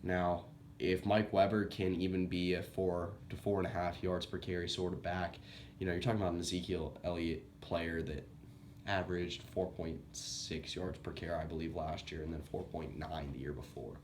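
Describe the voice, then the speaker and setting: Here a sick, coughing young sports YouTuber offers a rambling, casual college football team preview, correcting himself mid-stream. His voice is low-pitched and a little mellow, with little pitch movement at a normal speed and a faint hiss or hum in the recording.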